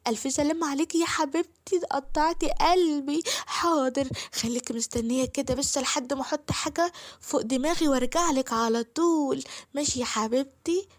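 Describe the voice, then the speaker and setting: A kindly middle-aged neighbor with an Egyptian accent, as a woman narrator plays her, talks in an affectionate, protesting way. The voice sits a little high and dry and close. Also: brisk, no echo, natural voice. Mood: tender. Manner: soothing, then defensive and protesting.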